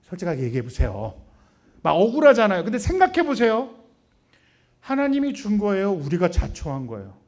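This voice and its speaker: A man preaching a sermon in church, talking to the congregation with rhetorical questions, sudden loud stresses and quiet asides. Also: high voice, huge pitch swings, brisk. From Korea. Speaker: pastor. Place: church sanctuary.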